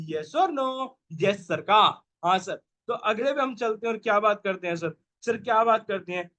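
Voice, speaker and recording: A man's voice: sits high, fairly bright tone. A man teaching an exam revision class in call-and-response style, firing questions at students and answering them himself. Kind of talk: energetic exam revision lecture.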